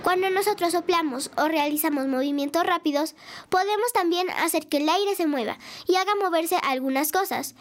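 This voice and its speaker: A woman's voice: extremely high pitch, moderate pace. A woman hosting a children's educational show, cheerful and sing-song, talking directly to children at home and telling them a story.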